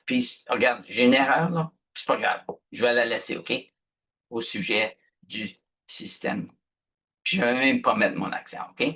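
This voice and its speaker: A man's voice: medium pitch, unhurried, bright, forceful tone, slightly rough. A man teaching a live online workshop, patient and chatty, checking in often with his class. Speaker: instructor.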